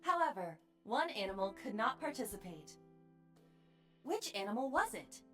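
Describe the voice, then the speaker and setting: A woman's voice: a little high, big pitch swings, moderate pace, pushed and bright, soft background music. A woman voicing a female AI partner who talks in a matter-of-fact, teasing way.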